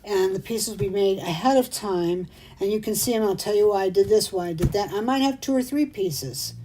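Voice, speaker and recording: A middle-aged woman hosting a craft show, talking in a chatty, rambling way that turns excitable. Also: mid-range voice, fairly quick, slight background noise, poor audio. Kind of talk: casual chat.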